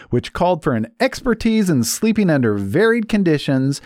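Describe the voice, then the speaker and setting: A man's voice: medium pitch, darkish tone, dry recording. A man hosting a casual talk about money as a financial planner, joking along with playful asides.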